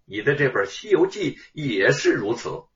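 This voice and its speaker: Haughty imperial consort, shrill and commanding, put on by a male storyteller; dull, distant lo-fi sound. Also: big pitch swings, normal speed, a bit bright. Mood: scornful.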